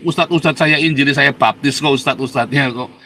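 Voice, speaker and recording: A man's voice: mid-range voice, a little fast, bright, forceful tone, slight background noise. A man in his forties from Indonesia, delivering an emphatic, repetitive and defiant monologue to his viewers, laughing now and then. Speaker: vlogger. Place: abroad, not the pictured home country.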